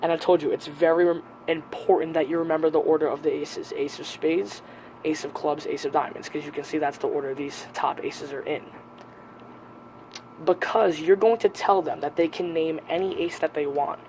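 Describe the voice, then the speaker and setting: A man's voice: a little high, steady tone, moderate pace, darkish tone, slight background noise, low-quality recording. A man giving a casual step-by-step tutorial as a presenter, repeating key points for emphasis.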